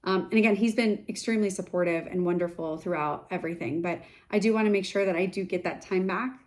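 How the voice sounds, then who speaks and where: Speaking quickly in a lowish voice, a startup founder in her thirties shares her thoughts in a laid-back to-camera vlog. Congested from being sick, she still comes across as candid, reflective and talkative.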